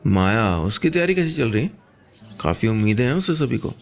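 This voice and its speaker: A man's voice: medium pitch, big pitch swings, a little fast, soft background music. A man playing an earnest, thoughtful young male college teacher in a radio story.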